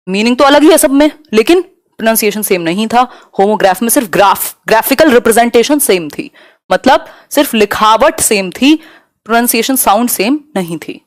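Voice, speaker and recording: A young woman teaching a live online exam-prep class, explaining terms in a mix of Hindi and English and slowing down to read questions aloud. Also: mid-range voice, no room sound, studio quality.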